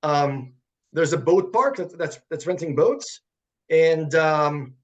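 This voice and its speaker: Halting high-voiced man, often repeating words. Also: lively intonation, dull audio. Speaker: guest, computer science professor. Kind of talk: conversational interview.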